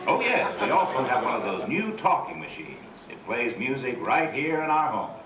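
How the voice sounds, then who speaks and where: A man's voice: mid-range voice, very animated, moderate pace, recorded from a distance, a crowd in the background. A man playing a cheerful, proud turn-of-the-century father, folksy and boastful, heard from an old home VHS tape of a theme-park show. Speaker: animatronic show narrator. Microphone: camcorder in the audience. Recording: echoey show hall taped from afar. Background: loud show music.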